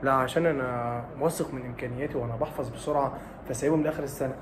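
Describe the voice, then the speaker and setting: A sheepish, excuse-making schoolboy with an Egyptian Arabic accent, as a man puts him on, who mumbles softly. His voice sits lower and quieter than an adult's lecture, and he sounds like he's hoping to be let off. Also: steady tone, very fast, a little hiss or hum, lightly acted. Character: excuse-making male Azhari high school student.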